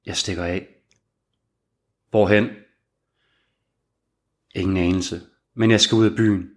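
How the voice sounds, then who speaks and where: Brief: male reader as fugitive young man, hushed, tense, low-pitched. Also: steady tone, natural voice.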